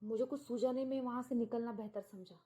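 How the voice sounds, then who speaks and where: A woman storyteller spins a first-person murder tale, her voice slightly high and full of breathless exclamations. She tells it casually, as if recounting the night to a friend. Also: steady tone, fast, dark tone.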